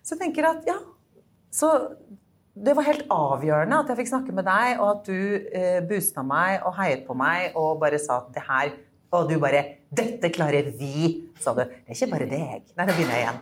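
Lively laughing Norwegian podcast woman. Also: sits low. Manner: laughs often, animated and self-deprecating. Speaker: podcast co-host. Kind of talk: casual chat.

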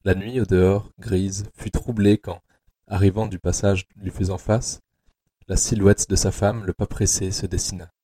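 A man narrating an audio adaptation of a dark novel in a slow, measured, tense way. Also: deep voice, level tone, breathy edge.

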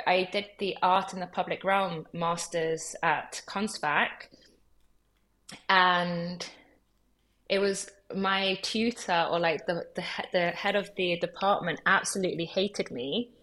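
A guest curator in her thirties, born in Peru and raised in Los Angeles and London, speaks in a relaxed interview with a lowish voice. She is chatty, laughs easily, and fills her speech with "like" and other fillers.

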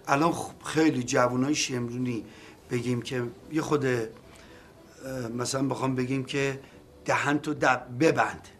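A man explaining local history in a documentary interview, reminiscing and pausing with fillers. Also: medium pitch.

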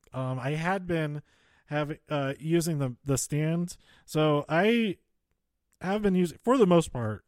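A man podcasting solo in a halting, rambling way, slightly out of breath as he speaks close to the microphone. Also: mid-range voice, dry recording. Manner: hesitant, halting, trailing off and circling back. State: slightly out of breath, holding back exhales. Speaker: podcast host. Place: close-miked, dry recording. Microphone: handheld or close microphone plugged into a phone.

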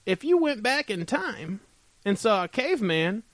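A man with a high voice and wide pitch swings co-hosts a podcast at a measured pace, with no echo in the recording. His talk is casual comedic chat: joking, rambling, and full of swearing.

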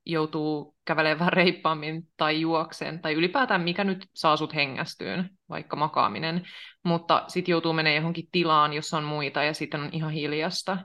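A young woman co-hosting a podcast, chatting casually in a lively way and laughing often. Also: low voice. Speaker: podcast co-host. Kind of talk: casual chat.

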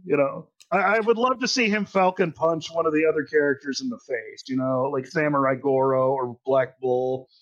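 A man's voice: on the high side, moderate pace, hardly any pauses, highs cut off. A man co-hosting a casual gaming podcast, rambling with lots of fillers and frequent laughs. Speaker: podcast co-host. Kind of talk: casual chat.

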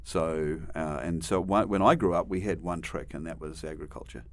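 Speaking at a moderate pace in a very deep voice, a middle-aged Kiwi man shares stories as a guest in a conversational interview. He rambles, restarts a lot and keeps his humor dry, all in a New Zealand accent.

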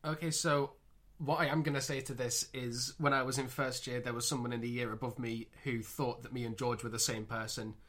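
A man co-hosting a podcast in casual chat, reasoning things out calmly. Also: medium pitch, fairly quick. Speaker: podcast co-host.

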